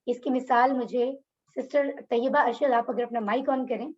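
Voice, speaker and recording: Over a video call, a woman with a fairly high, darkish voice teaches an online Quran course in Pakistani Urdu-accented speech at a steady tone and normal speed, and the audio sounds dull. She explains each word in turn, restates its meaning, and quizzes her students.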